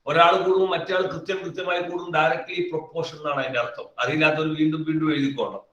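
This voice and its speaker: A male physics teacher leads a live online class, calling on students by name and repeating key phrases again and again. His voice is bright and fairly high. He sits well back from the mic in an echoey room. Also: steady tone, quick pace, distant mic. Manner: calls on students by name and coaxes answers.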